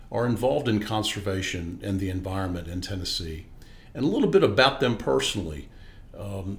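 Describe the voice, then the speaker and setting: A man hosting a podcast, reading an introduction and then asking questions with many hesitations and restarts. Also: on the low side. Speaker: podcast host.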